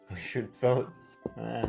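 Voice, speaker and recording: A man's voice: medium pitch, takes it slowly, vocal fry, over music. A man with a lisp who pronounces th as f, chatting casually as he plays a game with friends. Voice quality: lisp, says th as f. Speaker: player reading game events aloud to chat. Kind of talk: casual gaming commentary with friends.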